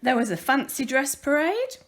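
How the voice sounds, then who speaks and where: A woman volunteering as a storyteller reads a children's picture book at a moderate pace in a high-pitched voice. She places careful, expressive emphasis on the words.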